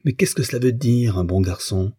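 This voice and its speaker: A man voicing a wounded, bitter bourgeois wife who speaks in a sharp, accusing way. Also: fairly low pitch, moderate pace, breathy edge, no echo, studio quality.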